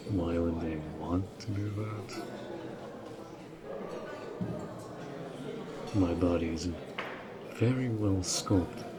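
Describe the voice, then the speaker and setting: In a fantasy audio roleplay, a man with a deep voice plays an orc general who is protective and courteous. He speaks in a measured, formal, earnest way, with a wry, teasing mood.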